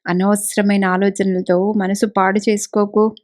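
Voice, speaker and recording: A woman's voice: mid-range voice, little pitch movement, a little slow, close to an everyday voice. Caring village doctor, read by a woman. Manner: gentle, caring, reassuring. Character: kindly middle-aged male village doctor. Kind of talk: audiobook character reading.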